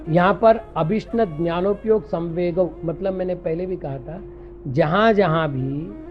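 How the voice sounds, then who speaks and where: A man, a monk teaching scripture, who recites verses deliberately and then explains them in a patient way. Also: high voice. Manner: patient, explanatory, corrects common misreadings. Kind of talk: scripture lecture in Hindi. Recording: dull lo-fi recording with faint music.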